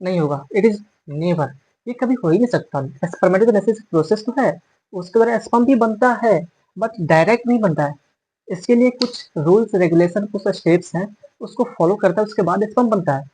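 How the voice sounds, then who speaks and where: A man's voice: high-pitched, normal speed, a little mellow, breathy edge, low-quality recording. A man teaching biology in a classroom-style lecture, repeating and correcting terms as he explains and mixing English words into his talk. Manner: mixes English terms into Hindi.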